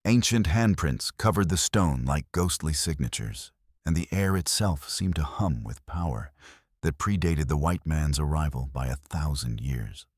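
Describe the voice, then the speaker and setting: A man narrating a scripted western story in a slow, dramatic storytelling manner. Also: extremely low pitch, expressive, dry recording, studio quality.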